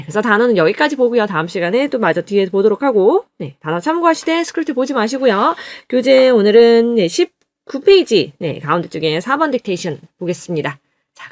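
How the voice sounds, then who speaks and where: Lively woman teaching English pronunciation. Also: mid-range voice, no room sound. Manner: drills words slowly, repeats them for students to copy. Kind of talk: online English pronunciation lesson.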